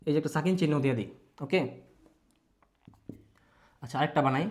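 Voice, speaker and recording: A man's voice: on the high side, a little fast, darkish tone. A man teaching Quran letter pronunciation. He repeats sounds over and over, asks the learner questions and mixes in English words. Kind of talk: online Quran recitation lesson.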